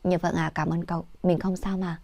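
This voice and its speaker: A woman voicing a quiet, composed young woman who speaks in a reserved way. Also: on the low side, little pitch movement, fairly quick, no echo. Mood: calm.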